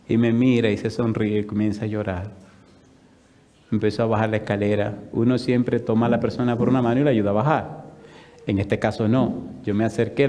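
A male pastor telling a testimony in a sermon, an animated storyteller firing off punchy rhetorical questions. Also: fairly low pitch. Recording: long reverb of a large hall.

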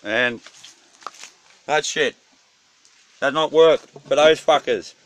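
A fairly high-pitched Australian man speaks slowly while filming a casual handheld tour of his bush campsite. He's slangy and jokey, cursing freely along the way. The rough outdoor recording, made on a phone or camera, has obvious background noise.

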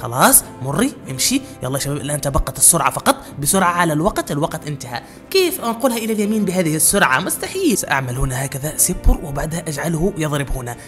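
A man hosting a gaming channel, giving excited gameplay commentary, frantically urging himself on against the clock and bursting into high shouts. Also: very fast, faint music behind.

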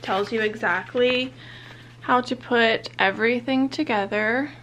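A young, heavily pregnant woman, a bit out of breath, chats upbeat and casually as she unboxes a product for her vlog. Her voice is a little high, unhurried, and fairly bright, with slight background noise.

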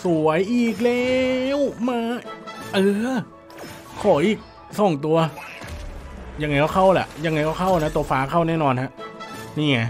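Hoarse, chatty Thai man calling slot spins. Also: on the high side, normal speed, long pauses, faint music behind. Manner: chatty, excitable, addresses viewers directly. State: hoarse, dry voice. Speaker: slot game streamer. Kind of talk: casual live commentary on an online slot game.

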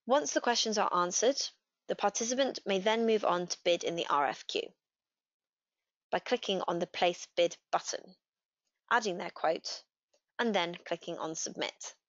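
Speaking at a moderate pace in a lowish voice, a woman working as a customer success manager reads a scripted software walkthrough. Her instructions come steadily and clearly, step by step. The voice-over sounds dry and a little dull, with no room sound.

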